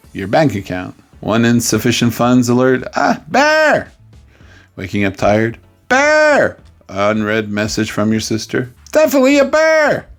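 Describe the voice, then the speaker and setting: A man with a gravelly, creaky voice at a middle pitch delivers a coaching talk. He tells it in a playful, jokey way and bursts out loudly now and then, with faint music behind him. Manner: playful, jokey storytelling with sudden loud outbursts. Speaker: life coach.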